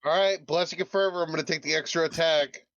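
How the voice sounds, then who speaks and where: A man's voice: fairly high pitch, steady tone, fast, a bit bright, muffled recording. A male player making short, matter-of-fact calls about dice rolls. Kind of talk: tabletop game talk.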